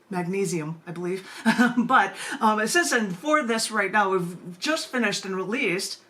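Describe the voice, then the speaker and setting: A woman who is a poet hosts a virtual poetry open mic over a live video stream, chatting informally and reading her own poems aloud. She's giggly and drifts into digressive asides in the chat. Her mid-range voice sounds pushed and bright.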